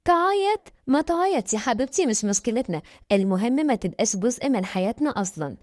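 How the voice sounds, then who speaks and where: A woman's voice: medium pitch, expressive, quick pace, warm tone, dry recording, studio quality, lightly acted. A woman voicing a bossy, resentful twelve-year-old girl who talks sharply and scornfully.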